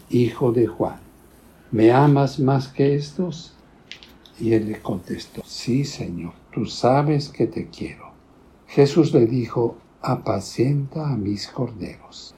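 A man speaking as a priest, reading scripture and prayers in a solemn, deliberate, expressive liturgical style. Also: mid-range voice. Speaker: priest celebrating Mass.

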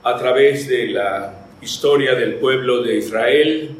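Man preaching a homily, cathedral-like echo, slow n deliberate, reflective. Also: mid-range voice. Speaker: priest giving a homily. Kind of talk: sermon. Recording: echoey church sound, faint noise.

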